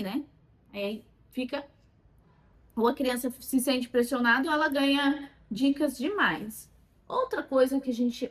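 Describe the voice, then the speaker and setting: A Brazilian woman teaching how to use a children's learning game, recorded on a phone, at times modelling questions as if to a child. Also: fairly high pitch. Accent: Brazilian Portuguese. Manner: animated, talks as if to a child when modelling questions. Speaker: child development educator.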